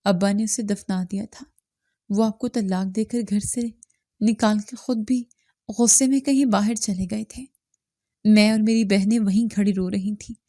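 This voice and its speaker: A woman voicing a tender-hearted young daughter who speaks in a halting, hesitant way. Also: mid-range voice, fairly even intonation, warm tone, no echo, studio quality, natural voice. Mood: tearful.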